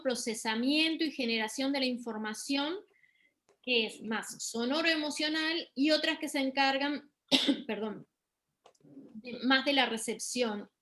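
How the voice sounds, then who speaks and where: A woman's voice: on the high side, a bit bright, low-quality recording. A middle-aged woman giving a university lecture on music therapy, explaining patiently with fillers and restarts.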